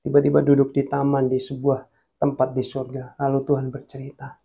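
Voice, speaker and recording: Earnest gravelly male preacher. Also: mid-range voice, completely flat delivery, a little fast, dull audio. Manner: earnest, addresses listeners as guys, drops to hushed tones. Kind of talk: sermon with personal testimony.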